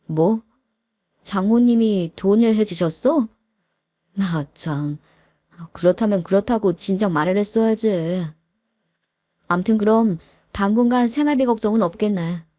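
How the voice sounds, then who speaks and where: A woman's voice: medium pitch, measured pace, long pauses, warm tone, no room sound, clean studio sound, lightly acted. A woman voicing a defensive, shiftless young husband who mumbles excuses in a storybook reading. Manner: mumbling excuses, then snapping back.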